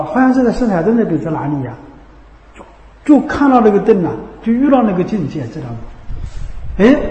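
A man with a high yet mellow voice gives a dharma talk as a Buddhist teacher. He speaks in a chatty way and keeps asking his listeners whether they follow. The sound rings through a roomy hall with a long reverb. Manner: conversational, keeps checking with listeners by asking "you know?".

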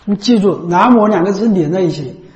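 A man's voice: sits high, animated, a little fast, darkish tone, dull audio. A man teaching a group how to recite a Buddhist chant, repeating himself and demonstrating the chant as he goes. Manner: repetitive, keeps asking "know what I mean?". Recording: echoey room.

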